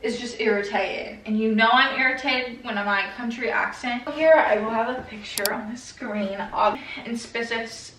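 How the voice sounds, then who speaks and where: A woman's voice: a little high, moderate pace, hardly any pauses, fairly bright tone, distant mic, slight background noise. Chatty young woman in an echoey room. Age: 20s. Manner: chatty, swears casually, trails off and restarts. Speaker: lifestyle vlogger. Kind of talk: casual vlog chat. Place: bedroom at home.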